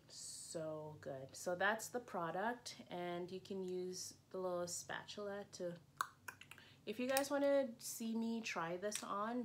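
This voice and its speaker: A young woman vlogging an unboxing in a chatty, excitable way, full of "like" fillers. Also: mid-range voice, slight background noise. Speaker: beauty vlogger. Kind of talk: casual unboxing chat.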